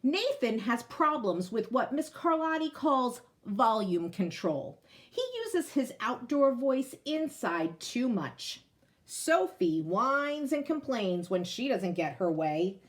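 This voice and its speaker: A woman with a slightly high voice and wide pitch swings reads a picture book aloud to children at an unhurried pace. Like a teacher, she explains the story and speaks directly to her young listeners, mixing expressive storytelling with asides to them.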